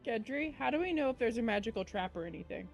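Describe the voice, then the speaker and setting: A woman's voice: fairly high pitch, lively intonation, fast, creaky, soft background music. A woman playing a tabletop game, talking politely and eagerly. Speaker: player.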